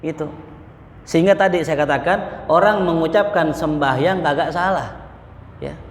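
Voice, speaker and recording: A man's voice: a little high, moderate pace. A man gives a mosque study lecture, joking and acting out market banter. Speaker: religious teacher. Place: mosque hall. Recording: echoey mosque hall.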